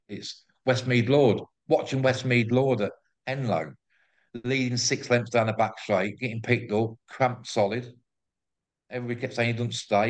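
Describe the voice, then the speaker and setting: A man with an English accent talking casually and effusively as an interview guest, often repeating words and phrases. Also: mid-range voice. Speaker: interview guest, greyhound track promoter. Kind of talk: casual enthusiastic chat.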